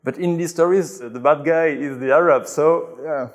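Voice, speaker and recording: Belgian man, gravelly voice, interview guest, hesitant restarts. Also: a little high, moderate pace. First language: French. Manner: thoughtful, hesitant with many restarts. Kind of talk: conversational interview.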